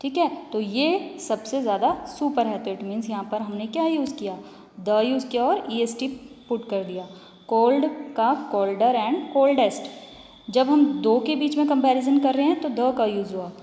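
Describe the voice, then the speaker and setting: A woman teaching English grammar, reading example sentences slowly and then explaining them with questions to the class. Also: on the high side, warm tone. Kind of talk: grammar lesson mixing Hindi and English. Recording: echoey room with long reverb.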